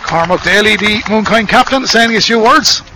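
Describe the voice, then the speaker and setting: A man's voice: high-pitched, moderate pace. An Irish man doing conversational radio sports commentary. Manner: conversational, explains events to co-commentator. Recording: outdoor broadcast with clear background noise.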